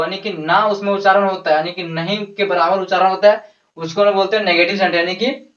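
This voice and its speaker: A man teaching an English grammar lesson, repeating each point and asking himself rhetorical questions, slowing down over example sentences. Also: high voice, a bit bright. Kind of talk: classroom-style grammar lesson. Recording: echoey, distant, dull lo-fi sound.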